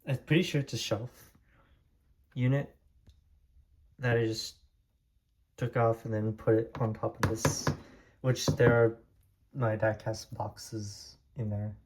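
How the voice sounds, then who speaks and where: In a relaxed room tour vlog, a young man from Taiwan, a native Hokkien speaker, shows off his diecast collection with plenty of fillers and false starts. He speaks slowly in a lowish, fairly even voice, leaving long pauses, and there's a bit of hiss or hum.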